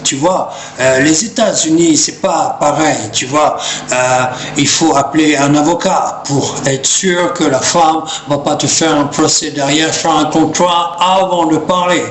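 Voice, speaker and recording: American-accented man speaking halting, slow French. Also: on the high side, fairly even intonation. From United States. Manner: hesitant French mixed with English, refers to himself in third person. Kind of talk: humorous rambling monologue to camera. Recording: roomy echo, clear background noise.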